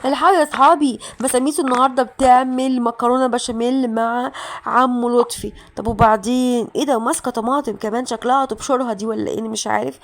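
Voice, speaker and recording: A woman with an Egyptian Arabic accent narrating a mobile game playthrough, chatting straight to viewers and breaking into shouted reactions. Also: on the high side, level tone, fast talker. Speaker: gaming channel host.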